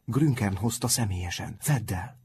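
A man doing a soft, whispering sick boy. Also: fairly low pitch, lively intonation, a little hiss or hum, lightly acted. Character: gentle whispering injured schoolboy.

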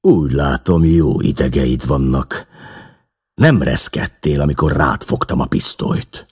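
A man voicing a gruff middle-aged gang boss who talks in a blustering, commanding way. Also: a bass voice, darkish tone, heavily acted. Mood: sly.

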